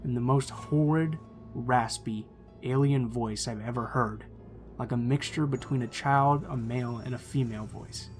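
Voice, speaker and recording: A man reading a true scary story aloud as the channel's narrator, in a steady, measured storytelling delivery. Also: medium pitch, soft background music.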